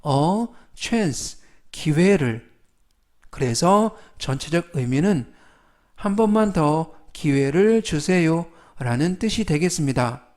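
Slow, careful Korean man teaching English words. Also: on the high side, expressive, a little mellow. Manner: slow, careful, polite formal explanations with repeated drilling. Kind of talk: slow instructional vocabulary lesson.

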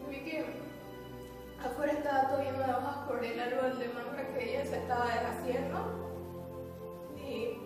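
A young woman with a Bolivian accent telling a slow, wistful stage monologue. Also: high voice, flat delivery. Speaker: acting student. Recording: echoey hall, far from mic, music behind.

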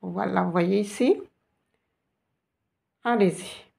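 A woman teaching an online language lesson, slow and patient, often repeating sounds for her students. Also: medium pitch, creaky, darkish tone, slightly rough. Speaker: Arabic teacher.

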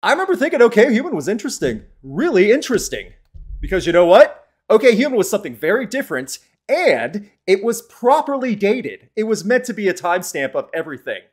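A man's voice: high-pitched, sing-song, brisk, slightly rough. A man hosting a live-streamed podcast, talking in a chatty, opinionated way and answering the chat as he goes. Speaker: podcast host.

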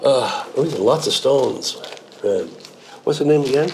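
A middle-aged man exclaims over gemstones in casual chat. His voice sits at a middle pitch, and he keeps repeating words as he gets excited. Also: moderate pace, slight background noise. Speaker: gem hunter host. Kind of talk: casual chat while buying gems.

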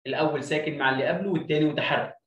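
A man with an Egyptian accent teaching children to read, stretching syllables out slowly and then explaining in quick bursts. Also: on the high side, fairly even intonation, a bit bright, roomy sound, recorded from a distance, dull audio. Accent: Egyptian Arabic. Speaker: reading teacher. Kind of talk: children's reading lesson.

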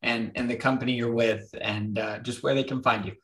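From a small home office, a middle-aged podcast host interviews a guest by video call, upbeat and encouraging with frequent affirmations. His mid-range voice is steady, a little fast and a bit bright, on a low-quality recording.

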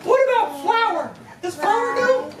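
Very high squeaky Mickey Mouse puppet. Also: expressive, slow, full character voice. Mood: upbeat, encouraging. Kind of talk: children's puppet show dialogue. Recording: distant echoey home room, very noisy. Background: children at a birthday party.

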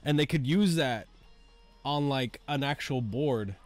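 A young man co-hosting a casual let's play with friends, excitable, laughing and playfully voicing game characters. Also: medium pitch, a little slow, soft background music. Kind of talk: casual gaming banter.

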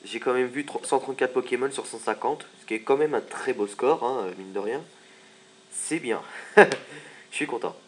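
A man's voice: medium pitch, normal speed. A man giving casual gameplay commentary, chatty and joking as he plays. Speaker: let's play commentator.

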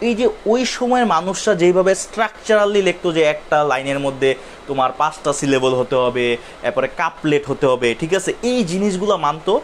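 A man's voice: on the high side, expressive, fairly quick, a little hiss or hum. A young man from Bangladesh teaching a live literature class, asking questions and answering them himself. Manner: explains step by step, asks and answers his own questions.

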